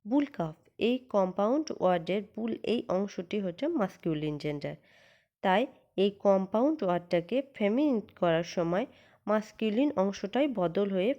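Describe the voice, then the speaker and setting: A woman with a Bengali accent, teaching a basic English grammar lesson, reading word pairs slowly and evenly and explaining in a calm tone. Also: mid-range voice, highs cut off. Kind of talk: scripted lesson narration.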